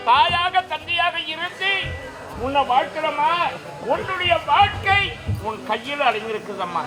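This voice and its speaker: Actor playing a worried old father, very high voice. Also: animated, measured pace. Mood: soothing. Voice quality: soothing, earnest, lecturing. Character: worried elderly father, gentle and scolding. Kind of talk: open-air folk stage drama. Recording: outdoor stage with crowd and music.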